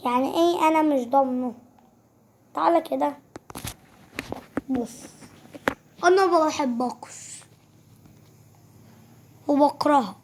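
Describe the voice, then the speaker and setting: Egyptian woman, high voice, excitable playful game commentator, teasing and quick-changing. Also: a little hiss or hum. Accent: Egyptian Arabic. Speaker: gaming YouTuber.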